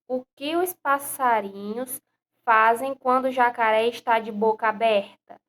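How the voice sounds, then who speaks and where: Brazilian woman teacher, recorded class for young kids, patient and repetitive delivery, somewhat high register. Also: measured pace, a bit bright. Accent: Brazilian Portuguese. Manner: patient, explains step by step, repeats questions. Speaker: primary school teacher. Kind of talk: recorded remote lesson.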